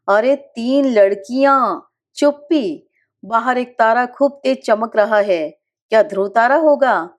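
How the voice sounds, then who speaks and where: Slow, high-voiced woman reading a story. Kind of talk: scripted narration of a literary short story.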